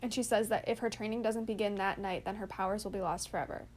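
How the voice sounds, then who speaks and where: A woman co-hosts a casual podcast, walking through a movie's scenes in order. She drops dry, wry remarks along the way. Her voice sits at an ordinary middle pitch. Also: fairly even intonation, fast, a little hiss or hum. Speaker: podcast co-host. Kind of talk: casual chat recapping a movie.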